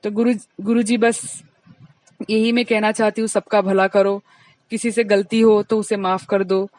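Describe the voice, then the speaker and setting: A woman sharing her devotional testimony in a satsang, talking fast and earnestly to the congregation, a little distant from the mic. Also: medium pitch, flat delivery, darkish tone, dry recording. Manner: speaks quickly, admits it herself; earnest, addresses the congregation directly.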